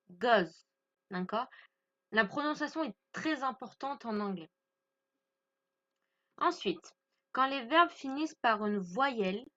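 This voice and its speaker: A woman's voice: on the high side, fairly bright tone, highs cut off. A woman from France teaching English grammar to French speakers, patiently stressing pronunciation and repeating each point.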